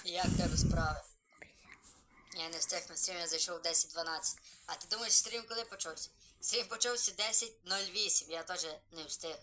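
A man live-streaming a game, chatty and excited, greeting viewers as he plays. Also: sits high, normal speed, a little hiss or hum, poor audio.

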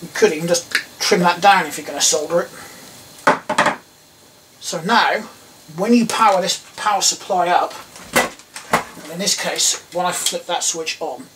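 A middle-aged man with an English accent hosts a DIY electronics video, rambling and thinking aloud through a casual hands-on tutorial in a small indoor workroom. His voice is high, and he speaks a little slowly with long pauses. The mic is distant, letting in some background noise.

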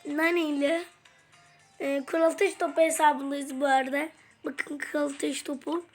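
High-voiced woman giving casual game commentary. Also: flat delivery, normal speed. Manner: chatty, reacts aloud to the game. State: groggy, just woke up. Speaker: gaming channel host. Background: game music.

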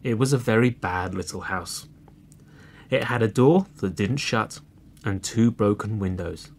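A man reading a children's fairy tale aloud, slow and expressive. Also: lowish voice. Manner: slow and expressive, clearly read for learners. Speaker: storyteller. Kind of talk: storybook reading.

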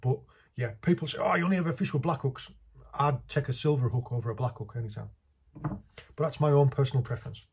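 Husky man demonstrating fishing rigs. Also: mid-range voice, fast, darkish tone. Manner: chatty, practical, talks while working with his hands. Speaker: fishing tutorial host. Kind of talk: casual hands-on demonstration. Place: small indoor workshop room.

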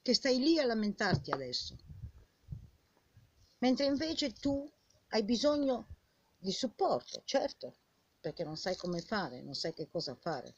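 An old woman speaks in a rough, husky voice with very animated pitch. She scolds the listener in an informal, indignant monologue, piling up questions and repeating herself. The sound is slightly dull and lo-fi. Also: unhurried, pauses often. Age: older. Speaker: vlogger. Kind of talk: impassioned informal monologue addressed to the viewer.

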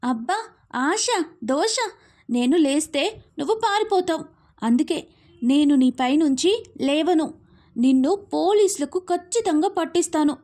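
A woman voicing a brash, feisty young woman who shouts and argues without fear. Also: animated, a little slow, pauses often. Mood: defiant. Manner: shrill, shouting.

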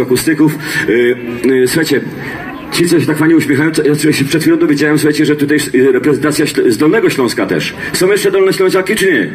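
A man's voice: fairly high pitch, background noise. A middle-aged man with a Silesian accent bantering with an audience in dialect, jokey and folksy, repeating himself as he goes, through a handheld microphone on an outdoor stage. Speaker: comedian and singer, stage entertainer. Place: outdoor stage in a town square. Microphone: handheld microphone through loudspeakers. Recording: live PA with music, filmed from audience.

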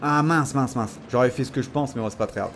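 A man giving casual, excitable commentary on his own game, teasing and mock-threatening his opponent, and saying he is tired. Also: medium pitch, fast, faint music behind. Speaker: gaming channel host.

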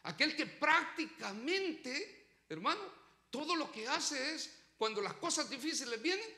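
A pastor preaching a sermon, swinging between loud urgent lines and low quiet ones as he calls his listeners brother. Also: very animated, a little slow. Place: church sanctuary. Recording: echoey church room.

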